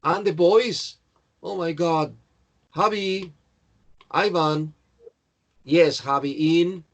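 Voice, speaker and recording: A man's voice: a little high, takes it slowly. A man teaching an English class, going through answers and correcting students by name in a patient way. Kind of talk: online class, checking answers.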